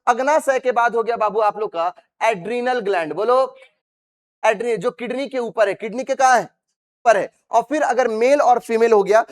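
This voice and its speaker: Man, high voice, classroom science lecture, call-and-response questions, teasing students. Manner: repeats questions to the class and has students recite terms; calls students "babu", teasing and scolding them. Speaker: science teacher.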